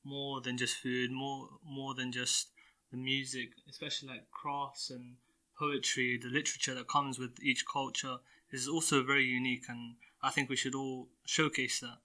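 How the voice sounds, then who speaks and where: Bright, even-voiced teenage guy. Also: medium pitch, normal speed, low-quality recording. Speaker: student podcast panelist. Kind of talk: casual discussion.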